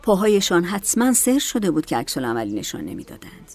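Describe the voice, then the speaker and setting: Low-voiced woman narrating a story. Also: very animated, a little mellow.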